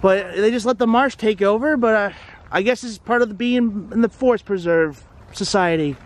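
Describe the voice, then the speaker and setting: Chatty high-voiced man giving a trail tour. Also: moderate pace, a little hiss or hum. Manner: chatty tour-guide commentary. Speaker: vlog host. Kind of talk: casual travel vlog narration. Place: outdoors at a lakeside forest preserve.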